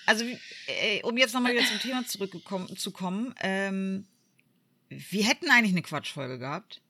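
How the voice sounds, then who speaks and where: Very bright-voiced woman telling lively stories. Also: mid-range voice, a little fast. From Germany. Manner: lively storyteller who acts out quoted voices, many fillers. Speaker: podcast co-host. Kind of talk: casual chat.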